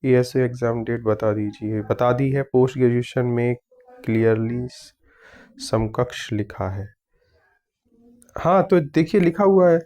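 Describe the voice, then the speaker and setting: A warm, mid-range voice at a measured pace belongs to a young man running an exam news channel. One comment at a time, he reads viewers' messages aloud and replies firmly but casually, often using "theek hai."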